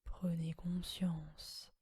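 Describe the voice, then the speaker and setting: A woman guides a relaxation meditation entirely in an unvoiced whisper. Her delivery is very slow and flat, with a breathy, mellow tone. The sound is close and dry. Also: on the low side, no room sound.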